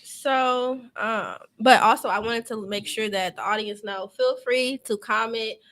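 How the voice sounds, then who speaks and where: A woman's voice: a little high, unhurried, a bit bright. A woman of twenty-one with speech, hosting casually and speaking directly to the audience. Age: 20s. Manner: upbeat, addresses the audience directly. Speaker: podcast co-host.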